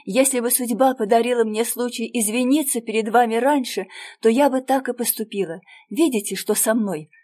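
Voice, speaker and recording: A woman's voice: fairly high pitch, moderate pace, dark tone, natural voice. A woman voicing a remorseful young woman gambler in a storybook reading, pleading and earnest.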